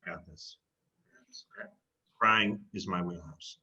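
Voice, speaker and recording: A man's voice: sits low, takes it slowly, bright, forceful tone, recorded from a distance, full character voice. A man playing a wisecracking married sportswriter in a comedy play reading, with a dry, jokey delivery. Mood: joking. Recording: dull lo-fi video call audio.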